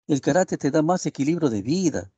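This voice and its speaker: Rambling professor on a video call. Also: male voice, on the high side, expressive, brisk, dark tone, breathy edge, dry recording, highs cut off. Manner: rambling, tag questions like "¿no es cierto?"; addresses students as "estimados alumnos". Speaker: university professor. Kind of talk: online class lecture.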